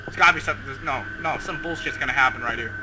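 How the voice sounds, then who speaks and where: A man's voice: medium pitch, racing, background noise. A young man playing a horror game at his desk, panicky, screaming and swearing a lot in his commentary. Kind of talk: let's play commentary. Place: home, at a desk.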